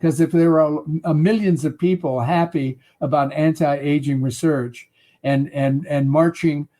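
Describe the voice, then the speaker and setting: A man in his eighties answering interview questions in a halting way, full of filler sounds and restarts. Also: a little high, steady tone, dark tone. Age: 80s. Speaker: interview guest.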